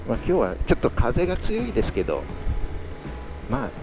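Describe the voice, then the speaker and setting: Guy rambling on his motorbike vlog inside his helmet, pitch really up and down, music in the back. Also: huge pitch swings, a little fast, rough recording. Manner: talking inside a full-face helmet. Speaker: motovlogger. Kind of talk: casual solo vlog chat while riding. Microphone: action camera with external mic adapter.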